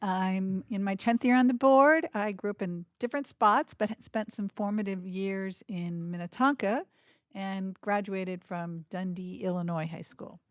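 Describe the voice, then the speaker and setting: Woman, board member, matter-of-fact, dry sound, mid pitch. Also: measured pace, dry recording. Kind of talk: speaking at a public meeting.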